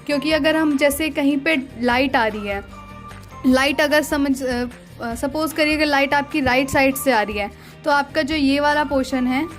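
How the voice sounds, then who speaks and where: High-voiced woman teaching shading. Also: moderate pace, faint music behind. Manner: explains step by step with repeated "dekhiye" and "theek hai". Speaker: art teacher. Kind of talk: drawing lesson narration.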